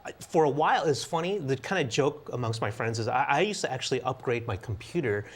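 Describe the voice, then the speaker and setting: A man's voice: mid-range voice, expressive, fast talker, husky. A man, co-hosting a laid-back podcast. He talks with eager enthusiasm, reminiscing freely. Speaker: podcast co-host. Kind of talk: casual chat.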